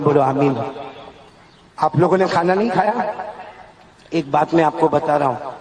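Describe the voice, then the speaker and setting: High voiced guy preaching, jokey story, gets the crowd to call back, echoey hall, people all around. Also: a little mellow. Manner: calls on the crowd to answer back, chuckles while telling. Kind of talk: sermon with humorous storytelling.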